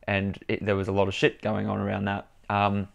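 A young man telling a story to camera in a casual, animated vlog, often restarting and repeating words. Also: on the low side, a little fast, creaky, lo-fi sound. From Australia. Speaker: vlogger.

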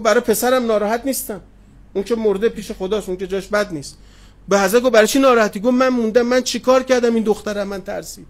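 Man, very high voice, middle-aged cleric, sermon with stories, tender address to listeners. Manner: addresses listeners tenderly, retells anecdotes with quoted dialogue. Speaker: cleric preacher. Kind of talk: sermon with storytelling. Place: religious gathering hall.

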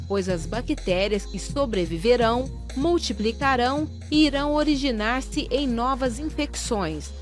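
Woman narrating a pharmacy lesson. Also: a little high. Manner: steady, even reading of a script. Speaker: course narrator. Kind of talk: scripted instructional narration.

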